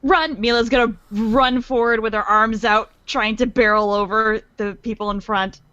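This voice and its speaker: A woman's voice: on the high side, little pitch movement, normal speed, pushed and bright, clean tone, no room sound, dull audio. A woman speaking casually as a player in a tabletop role-playing game. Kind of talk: casual role-play chat.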